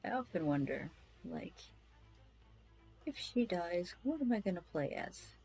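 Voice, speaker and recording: Woman artist, low mellow voice, rambling self-deprecating chatter over faint music. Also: sing-song, unhurried, slightly rough, low-quality recording. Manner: self-deprecating, scattered, talks to herself. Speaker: artist streaming a drawing session. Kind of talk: casual rambling chat while drawing.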